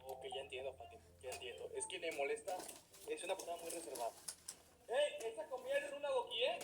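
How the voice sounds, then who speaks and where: A man's voice: on the high side, very animated, fast talker. Mexican dude vlogging his dogs, jokey fake-serious host voice, music playing behind. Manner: jokey, mock-serious interviewer tone. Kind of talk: playful dog-dating vlog narration.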